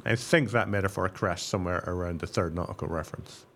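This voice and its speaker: A man's voice: low-pitched, quick pace, fairly bright tone. A man co-hosting a tech podcast. He moves from a scripted intro with sarcastic jokes into casual interview questions. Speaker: podcast co-host.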